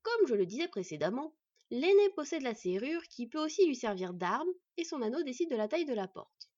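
A woman voicing a sardonic male dwarf smith in an audiobook, loud and lecturing, with a husky edge. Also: sits high, big pitch swings, fairly quick, no echo, muffled recording, voice pushed up. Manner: mocking, lecturing in a loud raised voice. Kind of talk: audiobook character voice.

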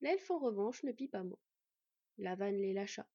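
A woman reading a fantasy story aloud in a steady storytelling manner. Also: medium pitch, normal speed, slightly rough, no echo. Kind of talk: scripted fantasy narration. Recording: dull lo-fi, dry.

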